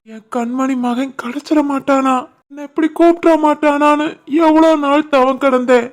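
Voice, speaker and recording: A woman acts out a remorseful older village father in an animated family drama. He pleads in a choked, emotional voice with a Kanyakumari Tamil accent. The voice sits a little high for a man. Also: normal speed, close to an everyday voice.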